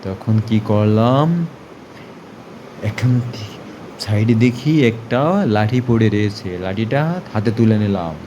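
A man narrating a ghost story for children, slowly and with lots of repetition. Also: fairly low pitch, expressive, lo-fi sound, background noise. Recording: loud music behind.

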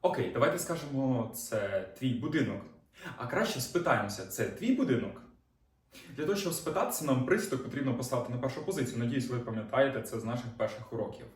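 Guy teaching a lesson, calm step by step, roomy echo, bit far from the mic. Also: medium pitch, fast talker. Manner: patient step-by-step explaining, with fillers. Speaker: German teacher. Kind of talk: online language lesson.

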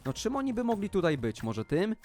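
Excitable man narrating his game. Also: fairly quick. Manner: excitable, often jumps to loud high exclamations. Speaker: gaming video host. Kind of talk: excited gaming commentary.

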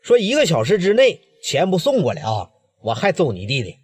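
A man's voice: on the high side, huge pitch swings, fairly quick, husky, full character voice. A man voicing a cold, threatening gangster boss with a Northeastern Mandarin accent, in a told crime story. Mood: menacing. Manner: blunt, threatening, extorting.

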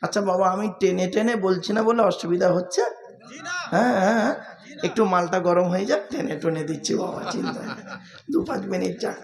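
A man's voice: high-pitched, vocal fry. A male Islamic preacher from West Bengal giving a waz sermon, who keeps asking the gathering questions and drilling their answers. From West Bengal, India. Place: large religious gathering. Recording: echoey public-address sound at a gathering.

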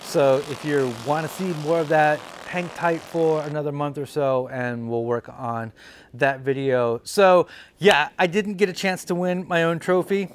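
A man's voice: fairly high pitch, fairly even intonation, measured pace, slight background noise. A man, hosting a woodworking channel and talking casually to camera, with lots of ums and uhs as he stands and gestures. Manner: chatty, many fillers, standing and gesturing. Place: indoor studio with colored backdrop.

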